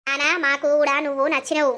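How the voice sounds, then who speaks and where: A woman's voice: high voice, monotone, fast, fairly bright tone. A woman voicing a caring middle-aged village mother in a cartoon, with a Telangana Telugu accent and a coaxing, motherly way of talking. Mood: gentle. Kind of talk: animated cartoon voice acting.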